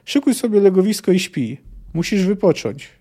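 A gloomy young male gang leader, voiced by a man reading aloud. He sounds gruff and commanding, with a mellow tone and a fairly high pitch. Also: sing-song, normal speed.

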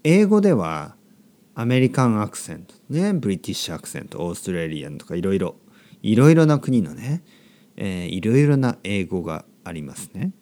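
A man hosting a podcast and explaining things slowly and clearly for learners, in simple phrasing with frequent tag questions. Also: on the low side, big pitch swings, dark tone. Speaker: podcast host teaching Japanese.

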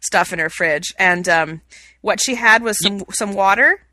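A woman co-hosting a podcast, chatting in an upbeat, quick way. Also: mid-range voice, sharp tone, no room sound, studio quality. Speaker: podcast co-host. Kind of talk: casual chat.

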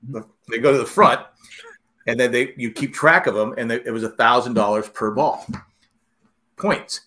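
A man's voice: medium pitch, moderate pace, bright, forceful tone. An older man in casual conversation, rambling and restarting his sentences as he reminisces. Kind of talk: casual chat.

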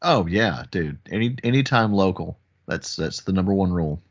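A man co-hosting a podcast in relaxed, casual conversation. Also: low-pitched, moderate pace. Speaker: podcast co-host. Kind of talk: casual chat. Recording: dull, muffled sound.

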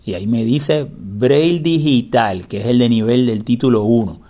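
A man's voice: mid-range voice, moderate pace, mellow. A man instructing in a screen reader tutorial, explaining patiently and repeating the key steps. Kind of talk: spoken step-by-step tutorial.

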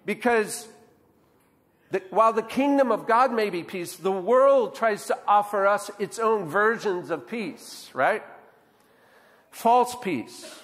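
A man's voice: high-pitched, expressive, slow, fairly bright tone, long reverb tail. A man preaching a sermon as a pastor, conversational and often checking in with the congregation. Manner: conversational, often adds "right?" to draw in the congregation.

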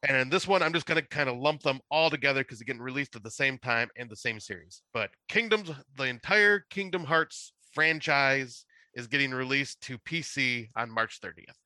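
Bright, tense-voiced man listing game releases. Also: medium pitch, moderate pace, no room sound. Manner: runs through a list of game releases, casual and chatty. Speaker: podcast co-host. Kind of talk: casual podcast chat.

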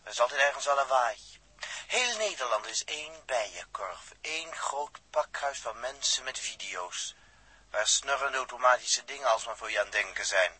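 An actor playing a brooding, self-sacrificing male astronaut in a radio drama, reflective and quiet in manner. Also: mid-range voice, expressive, moderate pace, breathy edge, heavily acted, rough recording. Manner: reflective, quiet, grows breathless and faint. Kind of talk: vintage radio drama acting.

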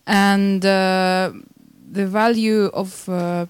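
A woman from Belarus, introducing herself haltingly on a live panel. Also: mid-range voice, fairly even intonation, clear, resonant tone, no room sound. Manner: halting, frequent pauses. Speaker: panelist, artist and activist.

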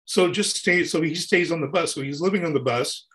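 With a fairly high pitch and a slightly quick pace, the sixties-aged touring keyboardist chats animatedly in a relaxed interview. His talk comes in long stretches, and he frequently starts sentences over.

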